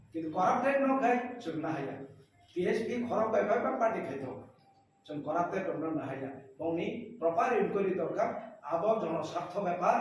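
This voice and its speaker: High-voiced man in a very echoey room. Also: a little mellow, recorded from a distance, slight background noise. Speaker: political speaker at a press meet. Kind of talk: press conference statement.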